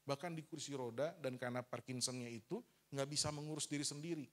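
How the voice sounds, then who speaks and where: A man's voice: medium pitch, fast. Man preaching a candid sermon. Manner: candid storytelling, acting out dialogue with his father; addresses the congregation as "saudara". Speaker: pastor.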